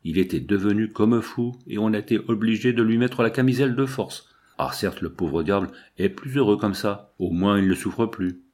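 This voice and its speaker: A man voicing a kind-hearted, chatty jailer who talks in a hushed, confiding way. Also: lowish voice, moderate pace, few pauses, close to an everyday voice.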